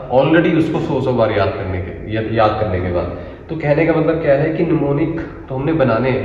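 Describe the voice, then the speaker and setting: A man's voice: medium pitch, darkish tone, a little hiss or hum. A man teaching Ayurveda to students. He explains step by step, asks himself rhetorical questions and checks in with "theek hai". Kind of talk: classroom lecture to students. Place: classroom with a blackboard. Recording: distant mic in an echoey room, dull sound.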